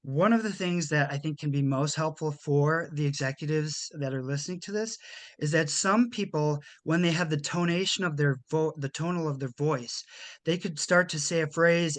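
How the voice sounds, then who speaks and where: Measured man explaining communication. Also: fairly high pitch, a bit bright, no echo. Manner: measured, thoughtful, with frequent restarts. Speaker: guest expert on communication. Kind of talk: explanatory interview talk.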